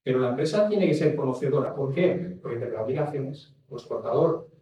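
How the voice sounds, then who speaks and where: A man's voice: medium pitch, expressive, brisk, mellow, highs cut off. Man in an echoey room. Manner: rambling, many restarts and asides. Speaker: industry expert. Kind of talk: talk on packaging regulation. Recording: echoey room from far off mic.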